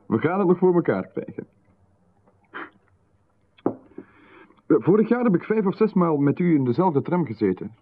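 Speaking with a Flemish accent in a 1990s radio drama, a man plays a calm stranger who watches closely and seems to know far too much. His fairly high voice is unhurried and full of pauses, insinuating, insistent and coolly overfamiliar, heard through a narrow, phone-like broadcast sound.

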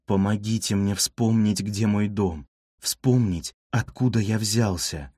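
A man's voice: medium pitch, slow pace, a little mellow, no echo, clean studio sound, lightly acted. A man voicing a courtly old-fashioned ghost. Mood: pleading. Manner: gallant, flowery old-fashioned speech.

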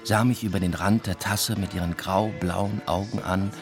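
Over music, an actor plays a weary, introspective male academic narrating a radio play in the first person, dry, reflective and understated. His voice is low, with a steady tone and moderate pace, in a literary style.

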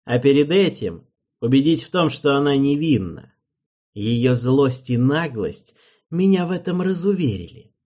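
A man voicing a cruel, domineering king who jeers loudly and speaks slowly, with a husky voice. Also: lively intonation. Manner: booming, slow, jeering. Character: cruel loud-mouthed male king, mocking and domineering.

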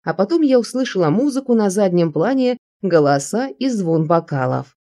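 A woman narrating a first-person novel aloud in an expressive audiobook reading. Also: medium pitch, normal speed.

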